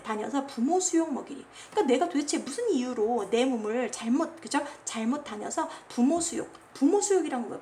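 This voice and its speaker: A woman's voice: high-pitched, a little mellow, a little hiss or hum. A woman teacher explaining a classical poem in a chatty lecture. She keeps checking that her listeners follow and acts out the poem's commands in a scolding voice. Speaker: Korean literature teacher.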